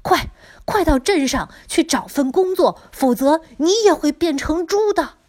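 A woman voicing an urgent young boy spirit who shouts warnings in a children's story. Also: sits high, animated, a little slow, pitched above the performer's own voice.

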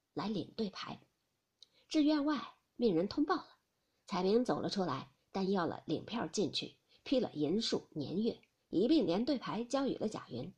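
A woman narrating a classic novel audiobook in an expressive storytelling manner. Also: mid-range voice, husky.

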